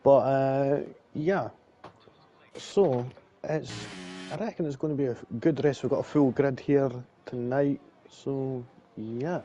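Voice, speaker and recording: A mellow-voiced man with a Dundee Scottish accent gives casual co-commentary on esports racing. His tone is relaxed and medium in pitch, with some noise behind it. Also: slow, lo-fi sound. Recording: clear background noise.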